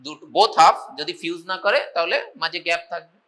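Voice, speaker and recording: A man with a Bengali accent giving a medical college lecture, reading slow English lines and explaining them in Bengali, often checking whether students follow. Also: on the high side, pushed and bright, rough recording. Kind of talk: classroom lecture.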